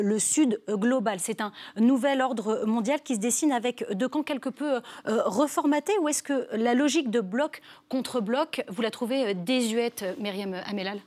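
A woman columnist on a panel show, presenting a news topic in a measured way, with hesitant fillers. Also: on the high side, a little mellow.

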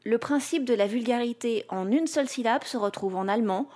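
A woman's voice: fairly high pitch, brisk, a little mellow. A woman from France hosting a podcast, reading a scripted, playful commentary in punchy rhythmic lists. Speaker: podcast host. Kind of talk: scripted comic narration.

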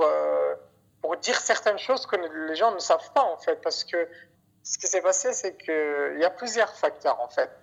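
Guest on a muffled Skype line: man from Afghanistan, husky and hesitant, testifying in a news report. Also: high voice. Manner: hesitant, keeps adding "en fait". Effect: heard over a Skype call. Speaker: interview guest. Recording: muffled internet call audio.

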